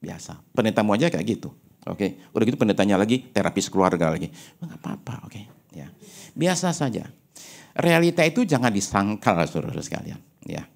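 A male pastor preaching a sermon with animated, humorous, personal storytelling, dropping English phrases into his speech. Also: lowish voice, brisk, creaky. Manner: animated preaching with frequent rhetorical asides.

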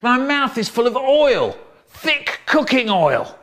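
A narrator putting on a quirky character voice for short quoted lines, with a lively, sing-song delivery. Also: medium pitch, takes it slowly, soft background music, voice pushed up.

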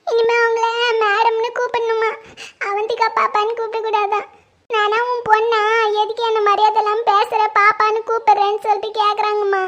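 A young performer plays a meek housemaid in a family drama skit. The voice is very high and bright. She speaks humbly and pleads with her employers. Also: completely flat delivery, fairly quick, lo-fi sound. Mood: tearful. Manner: submissive, pleading, respectful. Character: meek adult housemaid, timid and tearful.

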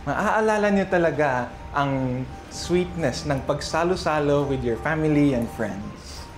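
A man's voice: a little high, expressive, a little slow. A young man, a shop owner, answering an interview indoors in an upbeat way, switching between Filipino and English. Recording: roomy sound with music under it.

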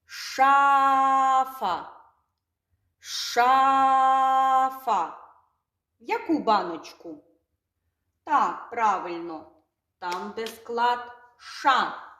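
A woman teaching a preschool literacy lesson, speaking slowly and in a sing-song way, drawing out words for small children. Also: on the high side, lively intonation, a bit bright, reverberant. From Ukraine. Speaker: kindergarten teacher.

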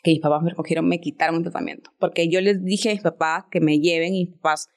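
A woman's voice: lowish voice, steady tone, fast talker. Earnest woman guest on a podcast. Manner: earnest, reflective storytelling. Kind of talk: casual chat.

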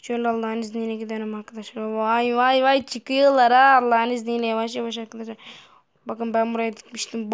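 A woman giving casual Minecraft gameplay commentary, switching from low muttering to loud excited yelps and calling out to the animals and objects in the game.

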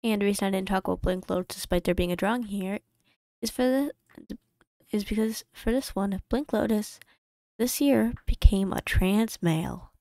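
A YouTube creator, a woman with a medium-pitched, dark voice, narrates her game playthrough as a casual voice-over recorded dry on a home desk mic. She rambles, corrects herself, and tosses in quick asides as she plays.

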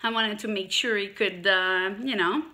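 A woman with a French accent, talking straight to her viewers with emphasis and many halting restarts, a little congested from allergies. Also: mid-range voice, pushed and bright. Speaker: YouTuber. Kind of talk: direct-to-camera monologue.

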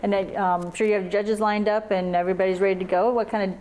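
Brisk woman host asking questions. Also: medium pitch, steady tone, darkish tone, slight background noise. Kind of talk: studio interview. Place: small TV studio. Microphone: lapel mic.

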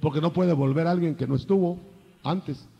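An older man preaching a sermon, lively, acting out biblical dialogue in changing voices. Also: a little high, moderate pace, gravelly, husky, in a large hall, dull audio.

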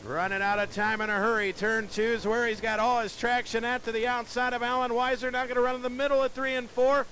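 A man calling a dirt track race live, excitable and breathless, often shouting as the action builds. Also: very high voice, a little fast, few pauses, a little hiss or hum. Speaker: race announcer.

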